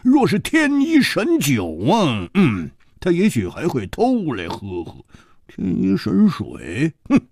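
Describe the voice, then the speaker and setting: A man's voice: fairly high pitch, wildly swooping pitch, slow pace, creaky, a little mellow, dry recording, clean studio sound, voice pushed up, full character voice. A man voicing a boisterous, teasing young swordsman who banters and mock-scolds in a raised voice.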